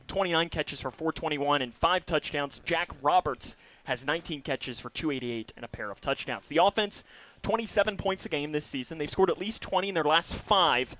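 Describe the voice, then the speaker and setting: A man hosting a pregame high school football radio show, reeling off player stats and trading remarks with his co-host. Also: a bit bright. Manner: reads off stats quickly, banters with co-host. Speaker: radio play-by-play announcer.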